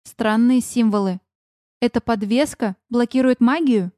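A woman voicing a calm, measured young male fairy mage who speaks slowly and deliberately. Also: on the high side, no room sound, clean studio sound, voice pushed down, natural voice. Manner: slow, deliberate speech.

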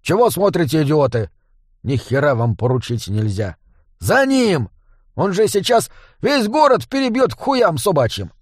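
A man voicing a gruff, foul-mouthed male dwarf boss who barks orders. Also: fairly high pitch, lively intonation, normal speed, a little mellow, no room sound, clean studio sound. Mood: scolding. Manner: barking orders, swearing.

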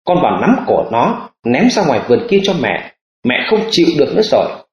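A man's voice: mid-range voice, sing-song, a little fast, darkish tone, roomy sound, highs cut off. A man voicing a cruel, cursing middle-aged stepmother in an audiobook, scolding and hissing. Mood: furious.

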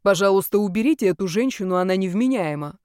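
A woman's voice: medium pitch, expressive, quick pace, darkish tone, smooth, dry recording, clean studio sound, close to an everyday voice. A woman voicing a firm, protective young man who demands an apology.

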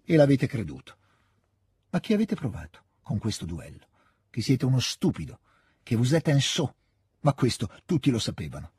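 A man reading aloud voices a scornful young noblewoman scolding her husband, raising a husky voice into cutting, loud reproach. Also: mid-range voice, wildly swooping pitch, moderate pace, pauses often, dry recording, heavily acted. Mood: heated. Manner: cutting, contemptuous, rising to shouting.

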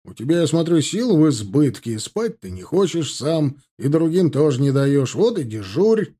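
Guy doing a grumpy cavalry captain, loud drawn-out orders, mellow voice. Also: on the high side, big pitch swings, slightly rough. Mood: grumbling. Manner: commanding, grumbling. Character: grumbling commanding male cavalry captain.

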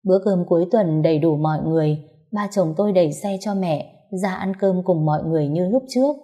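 Brief: woman narrator reading a story aloud, calm and measured, low register.

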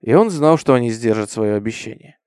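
A man's voice: medium pitch, lively intonation, fairly quick, clear, resonant tone, no echo, studio quality. Man reading a grim horror story. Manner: grave, darkening to a hush in grim passages.

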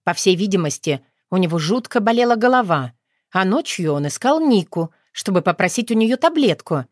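A woman reading a novel aloud as audiobook narrator, measured and unhurried. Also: medium pitch, big pitch swings, dry recording, clean studio sound. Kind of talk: scripted narration.

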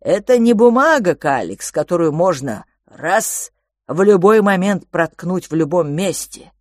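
A woman voicing a calm, weary old male sage who reasons slowly and sighs between thoughts. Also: on the low side, no echo, clean studio sound. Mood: weary reasoning. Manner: measured, sighing, reasoning.

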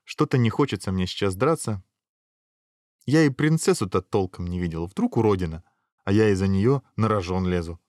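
A man voicing a brash young knight hero who is boastful but cowardly, shouting challenges. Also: fairly low pitch, animated, normal speed, no room sound, studio quality, lightly acted. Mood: glum.

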